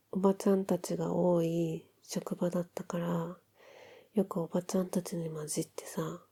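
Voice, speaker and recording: A woman playing an affectionate newlywed wife in an ASMR role-play of intimate pillow talk, soft, breathy and musing. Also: lowish voice, exaggerated voice. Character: affectionate newlywed wife chatting softly in bed.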